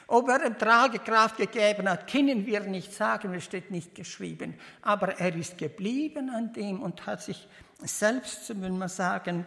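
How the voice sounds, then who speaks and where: A woman delivers a heartfelt sermon at a slow, deliberate pace. She stops and restarts often, and her phrasing comes out halting. Her voice carries the long reverb of a church hall. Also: mid-range voice, a bit bright. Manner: halting, heartfelt, with many restarts and non-native grammar. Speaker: preacher.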